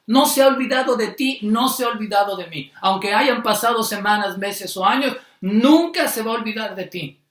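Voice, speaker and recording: A man preaching a sermon, repeating phrases and slowing down on the key words for emphasis. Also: high voice, a bit bright, roomy sound.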